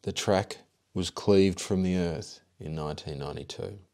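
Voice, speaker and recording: A man narrates scripted history in a calm, measured delivery. His voice is very deep and even. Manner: measured, factual storytelling. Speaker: documentary narrator.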